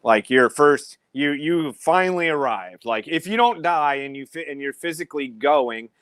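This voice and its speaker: A man hosting a casual faith discussion, talking in a halting way with many restarts. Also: fairly high pitch, lively intonation, fairly bright tone, no room sound. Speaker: host. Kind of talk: casual discussion on a live stream.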